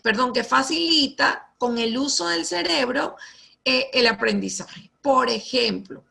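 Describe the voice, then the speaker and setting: A woman's voice: sits high, measured pace, creaky, pushed and bright. A woman, giving an enthusiastic, explanatory online talk to teachers over a video call. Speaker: guest speaker, teacher.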